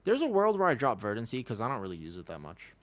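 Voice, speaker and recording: Slangy, excitable male game streamer. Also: mid-range voice, fast. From Texas, United States. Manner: slangy, excitable, repeats himself. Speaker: game livestreamer. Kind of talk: casual chat and gameplay commentary.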